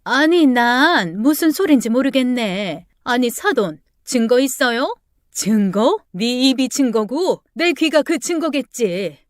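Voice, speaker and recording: Woman doing a shrill, grasping middle-aged mother. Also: animated, dry recording, studio quality. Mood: defiant. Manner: indignant, drawn-out whining outbursts.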